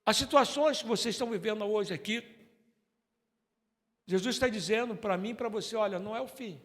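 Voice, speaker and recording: A Brazilian man preaching a sermon as pastor, moving between loud exhortation and hushed storytelling. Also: sits high, a little fast. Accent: Brazilian Portuguese. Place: church hall. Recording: church sermon recording with long hall reverb.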